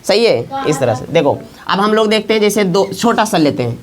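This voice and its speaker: A woman's voice: mid-range voice, very animated, normal speed. A woman teaching math to a class at the board, often asking the students to check along. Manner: asks the class constant check questions.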